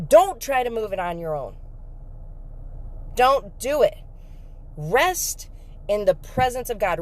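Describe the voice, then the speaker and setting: A woman telling an emotional faith story in a casual vlog, emphatic and excitable, breaking into laughter. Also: on the high side. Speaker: faith vlogger.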